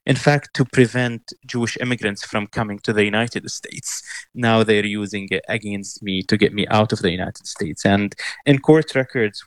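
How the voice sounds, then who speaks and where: A young man from Syria, answering interview questions in an earnest, measured way with frequent restarts. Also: on the low side, no room sound. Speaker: interview guest.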